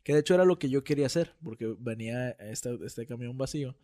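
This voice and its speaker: A man's voice: medium pitch, fast talker. A man with a northern Mexican accent from Monterrey, hosting a casual podcast and telling a story with frequent laughter. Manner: animated storyteller, laughs often. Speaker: podcast host.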